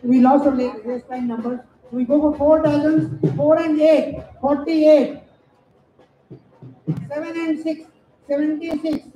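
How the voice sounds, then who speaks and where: High-pitched Indian male bingo caller. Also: level tone, a little slow, pauses often, highs cut off. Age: middle-aged. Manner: singsong announcing, numbers called digit by digit. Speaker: bingo caller at a Diwali party. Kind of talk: bingo calling over a microphone, drawn-out numbers and rhyming nicknames. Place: outdoor evening party in front of a stage. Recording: echoey event PA with loud music behind.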